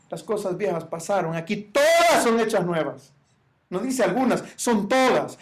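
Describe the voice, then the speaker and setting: High-voiced man preaching a sermon. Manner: preaching with rising shouted emphasis on quoted cries. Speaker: pastor.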